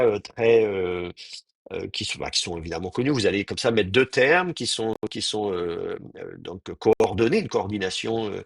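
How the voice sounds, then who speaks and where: Male teacher, low husky voice, hesitant thinking-aloud delivery, dry close mic. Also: no echo. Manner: hesitant, thinking aloud with many pauses and restarts. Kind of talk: live online class lecture.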